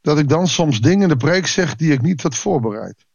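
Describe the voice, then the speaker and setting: A male pastor giving a daily Bible devotional, lively, acting out people's excuses in quoted voices. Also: on the high side, a little fast, creaky, no room sound.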